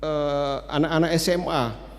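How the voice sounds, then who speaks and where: A man's voice: on the high side, unhurried. Older man giving announcements in an echoing hall. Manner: relaxed, chatty, many hesitant fillers. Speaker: church service announcer. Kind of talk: church announcements. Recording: long reverb of a church hall.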